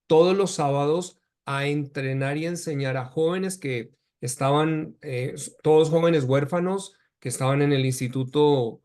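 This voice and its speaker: Earnest pastor, slightly high voice. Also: male voice, darkish tone. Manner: earnest, preaching cadence with rhetorical questions. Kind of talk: church talk show conversation.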